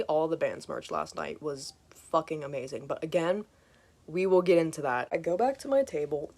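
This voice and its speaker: Lower-voiced woman telling a story casually. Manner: animated, swears freely, acts out quotes. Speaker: vlogger. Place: hot room at home with a fan on. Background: faint fan hum.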